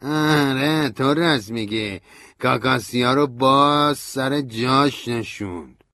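A man voicing a bitter, volatile grown man who sneers, drags out his words and shouts. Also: medium pitch, dry recording, studio quality, voice pushed up. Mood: mocking.

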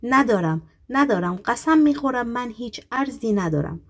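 A woman reading aloud puts on a panicked older man in a storybook, his raised voice shaking with fear as he insists he has nothing. He sounds pleading and breathless, his pitch lifted above the narration. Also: expressive. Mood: frightened. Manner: frightened, pleading.

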